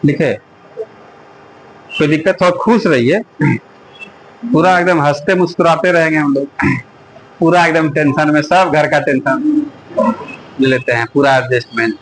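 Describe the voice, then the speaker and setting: A man's voice: on the high side, normal speed, long pauses, a little hiss or hum, rough recording. A man teaching a classroom math lesson, often stopping to ask the students whether they follow. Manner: coaxing, keeps asking the class if it is clear. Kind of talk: classroom lecture.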